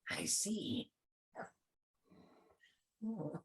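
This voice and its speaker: A man running a tabletop game, switching back and forth between two character voices in one exchange and talking in halting restarts. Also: high voice, huge pitch swings, a bit bright. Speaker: game master voicing a priest. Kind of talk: tabletop roleplay.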